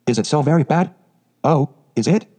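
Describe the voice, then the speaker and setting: Man doing a scared young society lady, higher and pleading, kinda breathless. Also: animated, moderate pace, mellow, breathy edge. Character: frightened young society mother.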